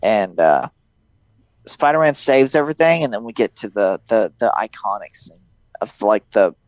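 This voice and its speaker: A man casually chatting about a movie, animated and jokey, acting out lines in high voices. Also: moderate pace, no room sound, low-quality recording. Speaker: podcast host.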